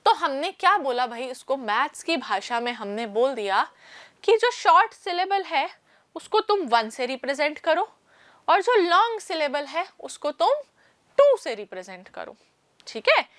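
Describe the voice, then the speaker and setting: In an online class, a woman teaches maths step by step, calling her listeners "children" and answering the questions she poses herself. Her high voice is sing-song, unhurried and fairly bright, with no room sound.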